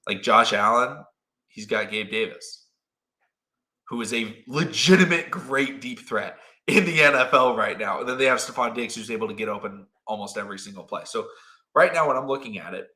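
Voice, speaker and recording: Brief: young male sports host, animated, quotes players in quick asides, bright tone. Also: on the low side. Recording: roomy echo.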